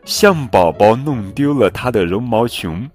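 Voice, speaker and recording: A man's voice: mid-range voice, animated, unhurried, a little mellow, soft background music, voice pushed up. A man voicing a cheerful, kind elephant in a children's storybook, calling out eagerly.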